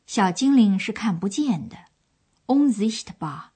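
A woman presenter reads scripted narration for a language course. Her mid-pitched voice explains and retells a story for listeners. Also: animated, unhurried, dark tone, breathy edge.

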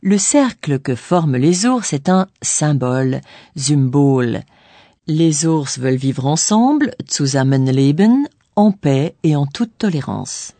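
A woman narrating a scripted language course in a didactic way, pausing on key words. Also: low voice, lively intonation, mellow, dry recording. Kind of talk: scripted bilingual explanation.

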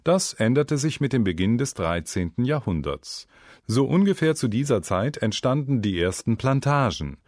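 A man giving scripted educational narration for a language-learning program, in a lively storytelling manner. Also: medium pitch, normal speed, no echo, studio quality.

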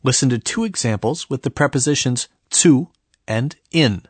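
Husky male professor explaining grammar. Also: mid-range voice, expressive, no room sound. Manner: explanatory, measured. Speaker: language professor and presenter. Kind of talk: scripted grammar lesson.

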